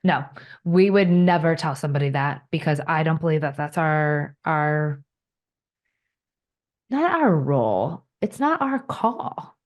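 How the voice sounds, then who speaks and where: A woman with a notably low voice talks as a podcast guest. She is direct and practical, explaining her bookkeeping work in a matter-of-fact tone. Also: animated, unhurried. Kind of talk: casual interview chat.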